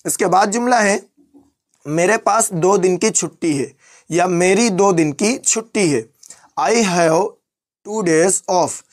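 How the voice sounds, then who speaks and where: Slow, patient male language teacher. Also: high voice. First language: Urdu. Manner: slow, repeats each phrase word by word. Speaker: Arabic teacher. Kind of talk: language lesson.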